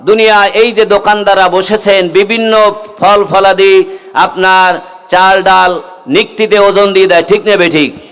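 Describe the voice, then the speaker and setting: A man with a Bangladeshi accent delivers a waz sermon to a gathering, urging listeners to respond and shifting between speech and melodic chanting of verses and rhymes. His high, smooth, slightly bright voice is steady and unhurried, though the recording is rough.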